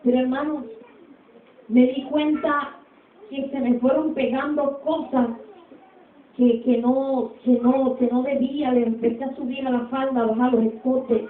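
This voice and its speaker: A woman's voice: high-pitched, steady tone, a little slow, roomy sound, narrow, tinny audio, a little hiss or hum. A woman pastor preaching a sermon with an emphatic, repetitive cadence, recorded in a church from a distance.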